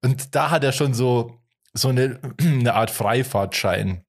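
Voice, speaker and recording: Laid-back man, mid-pitched voice. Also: takes it slowly. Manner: relaxed, laughs along, short agreeing replies. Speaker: podcast co-host. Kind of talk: casual chat.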